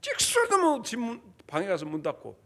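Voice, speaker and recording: High-voiced man preaching a folksy sermon. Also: huge pitch swings, a bit bright. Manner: folksy, acts out quick voices of fathers and teachers, leads congregation responses. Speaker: pastor. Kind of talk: lively sermon.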